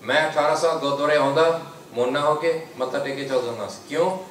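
Man, Sikh preacher, exhorting lecture, raised pitch, distant mic, echoey room, faint hiss. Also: a little fast, a bit bright. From United Kingdom. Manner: exhorting, repeats slogans in English between Punjabi. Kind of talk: religious lecture to a congregation.

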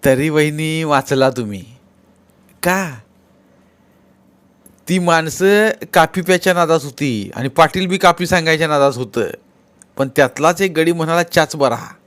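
A man's voice: on the high side, unhurried, pauses often, fairly bright tone, voice pushed up. A man voicing a young household servant gossiping with the lady of the house. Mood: amused. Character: young male servant, giggling and chatty.

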